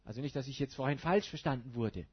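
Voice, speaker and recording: A man's voice: medium pitch, fast, breathy edge. A man preaching a sermon to his congregation in a colloquial way, putting rhetorical questions to his listeners. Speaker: pastor. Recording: dull lo-fi recording.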